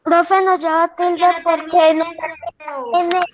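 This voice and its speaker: A woman speaking as a student in an online class, answering slowly and carefully over a video call. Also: very high voice, little pitch movement. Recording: dull lo-fi call audio with faint noise.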